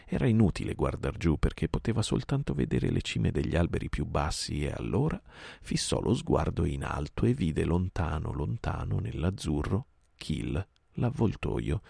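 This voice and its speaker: A man narrating a classic story in a calm, steady night-time reading. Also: extremely low pitch, gravelly, breathy edge, no echo, clean studio sound.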